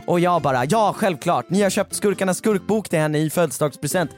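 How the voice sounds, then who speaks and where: A man co-hosting a podcast who tells a story with animated energy and acts out the other people's lines. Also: high-pitched, faint music behind. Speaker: podcast co-host. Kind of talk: casual storytelling chat.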